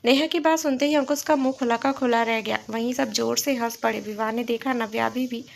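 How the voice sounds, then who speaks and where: A woman narrating a romantic story in a steady, emotional storytelling manner. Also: fairly high pitch, fairly quick, gravelly, slight background noise.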